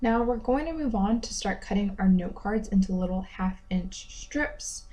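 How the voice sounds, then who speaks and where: A woman's voice: mid-range voice, expressive, normal speed, warm tone, faint music behind. A young woman giving a casual, upbeat craft tutorial voice-over, chatty with self-deprecating asides. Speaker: DIY vlogger.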